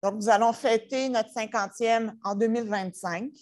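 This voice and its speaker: A woman's voice: on the high side, steady tone, moderate pace, darkish tone. A woman from Quebec with a Québécois accent, a school innovation director giving a conference presentation in a chatty, joking way. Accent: Québécois French. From Quebec, Canada. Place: presentation room.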